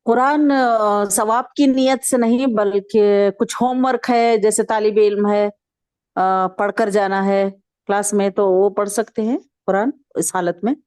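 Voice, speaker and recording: A woman's voice: medium pitch, steady tone, measured pace, darkish tone, no room sound. A woman student who asks the teacher polite, hesitant questions.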